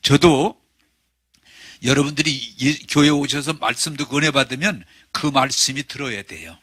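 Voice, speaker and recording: A man's voice: medium pitch, normal speed, a bit bright, slightly rough, dry recording. A male pastor preaching a sermon, talking animatedly, asking the congregation rhetorical questions and acting out voices.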